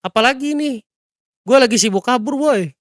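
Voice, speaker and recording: A man's voice: high voice, steady tone, measured pace, smooth, no room sound, clean studio sound. A man voicing a frustrated young male adventurer in a comic storybook recap, grumbling and then coldly resolved. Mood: irritated.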